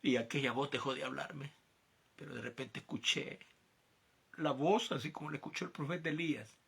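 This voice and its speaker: A man preaching a testimony sermon, his voice gravelly and somewhat husky with a bright, forceful edge. He talks emphatically, dropping low and then climbing to loud peaks. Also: fairly even intonation, normal speed. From El Salvador.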